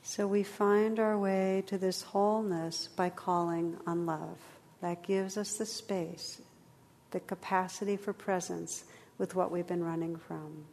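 Woman leading a meditation class, gentle soothing unhurried voice, pretty flat tone, long hall reverb. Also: fairly low pitch. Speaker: meditation teacher. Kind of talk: guided meditation and reflective talk to a class.

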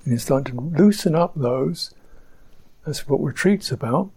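A man giving a slow, reflective dharma talk as a meditation teacher on a retreat, pausing often. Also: a little high, animated, breathy edge, low-quality recording. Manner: slow, reflective, soft-spoken with pauses. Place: retreat centre hall.

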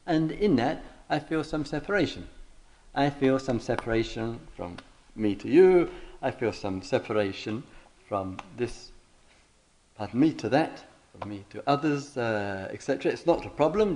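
A man teaching meditation in a question-and-answer dialogue, speaking deliberately and haltingly and often repeating his phrases. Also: medium pitch, animated, darkish tone.

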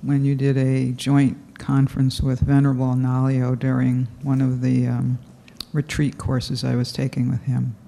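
A man, a retreat participant, introducing himself slowly and hesitantly to the group. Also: mid-range voice, completely flat delivery, creaky, dark tone, big-room sound.

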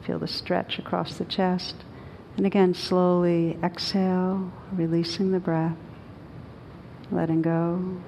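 A meditation teacher leads a guided meditation in a mellow, slightly low voice. She speaks gently and soothingly at an unhurried pace, with little pitch movement and long pauses between phrases. A faint rumble runs beneath the recording.

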